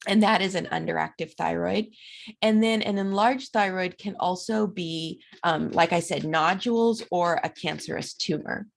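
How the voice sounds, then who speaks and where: Recovering from a recent illness, a middle-aged instructor speaks in a lowish, raspy, gravelly voice that sounds dry. She talks through her slides in a relaxed, conversational lecture with many filler pauses, apparently recorded on a webcam at home.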